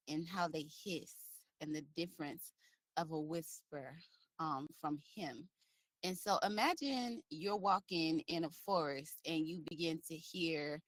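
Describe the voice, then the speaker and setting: A woman gives a casual devotional message in a bright, forceful voice, tagging her points with quick questions to her listeners. The sound is close and dry, with no room around it. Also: medium pitch, no room sound. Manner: conversational preaching, frequent "right?" tags. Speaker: faith-based women's coach. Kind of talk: informal devotional talk.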